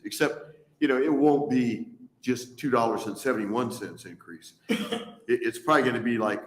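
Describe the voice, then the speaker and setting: A man with an average pitch testifies as a landlord and auctioneer. He talks in a casual, conversational, wry way. His voice echoes around a hearing room. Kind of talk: spoken testimony.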